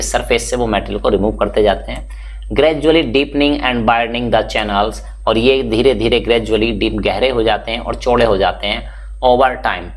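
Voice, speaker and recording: A male teacher going through a textbook chapter, slowly reading each English line and then explaining it in quick, chatty Hindi. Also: mid-range voice. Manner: chatty teaching with frequent "bhai" and check-ins.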